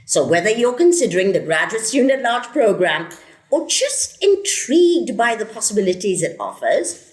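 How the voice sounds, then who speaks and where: A woman's voice: mid-range voice, very animated, normal speed, reverberant. A woman hosting a university program podcast, reading an enthusiastic introduction and welcoming her guests. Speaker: host, program director.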